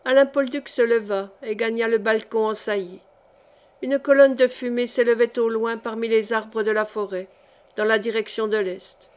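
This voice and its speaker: A woman reading a historical novel aloud as an audiobook narrator, with even, clear storytelling. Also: fairly high pitch, moderate pace. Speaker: audiobook reader.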